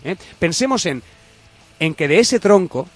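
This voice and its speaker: A man in his thirties hosts a comedic radio chat with a fairly high-pitched voice. He speaks from in a theatrical, ironic manner and rambles through his points. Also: big pitch swings, measured pace, soft background music. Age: 30s. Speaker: radio host.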